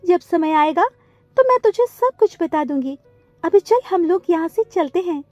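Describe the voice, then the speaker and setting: A woman voicing a small girl sparrow in a cartoon, tearful and pleading in a very high voice. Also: animated, normal speed, a little mellow, no echo, highs cut off, soft background music. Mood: insistent. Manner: crying, pleading.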